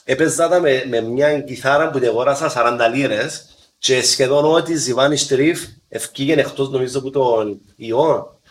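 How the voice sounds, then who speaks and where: A man with a Greek Cypriot accent, a musician being interviewed, talking casually and haltingly with English words mixed into his dialect. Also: mid-range voice. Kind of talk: casual chat.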